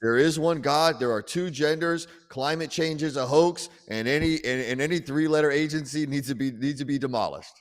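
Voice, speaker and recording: A man co-hosting a casual political chat show, talking in an animated, rambling way and often repeating words. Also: a little high, normal speed, few pauses, in a large hall. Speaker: podcast co-host.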